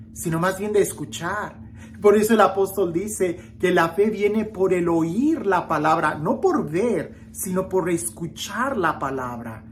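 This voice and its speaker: A woman reading the gospel and giving a reflective homily, slow and expressive, with dramatic emphasis and small restarts. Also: fairly low pitch, slight background noise. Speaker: preacher.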